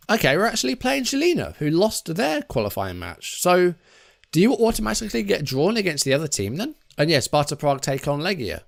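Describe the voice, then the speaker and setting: Chatty man commentating a game. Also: medium pitch. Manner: chatty, reacting to match events, frustrated asides. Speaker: gaming YouTuber. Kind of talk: casual let's-play commentary.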